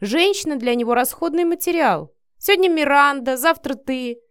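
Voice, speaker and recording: A woman reading an audiobook voices an outspoken, gossipy young female coworker who chatters in a lively way. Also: high voice, no room sound, studio quality, voice pushed up, natural voice. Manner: lively, chattering, with a quick laugh.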